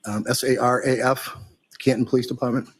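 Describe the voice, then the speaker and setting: A middle-aged man, a police officer on the witness stand, giving short, plain answers with hesitant pauses, heard through a courtroom recording. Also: mid-range voice, flat delivery, slight background noise. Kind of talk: witness testimony.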